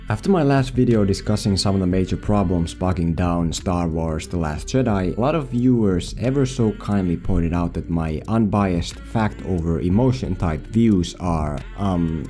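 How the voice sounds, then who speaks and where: Scripted and comedic, the voice-over comes from a non-native English-speaking man hosting a film video with sarcastic, mock-dramatic flair. His mellow, low voice runs at normal speed with few pauses, faint music underneath.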